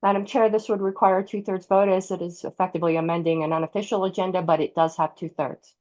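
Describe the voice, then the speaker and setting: Low-voiced woman, crisp party secretary. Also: level tone, fast talker, a little mellow, poor audio. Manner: crisp, formal. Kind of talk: roll-call voting at a video-call meeting.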